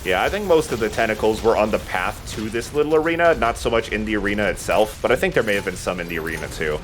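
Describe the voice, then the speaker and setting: Over game music and the noise of combat, a let's play host cracks jokes as he plays. His voice is lowish and quick, with lively intonation and a faint hiss or hum on the recording.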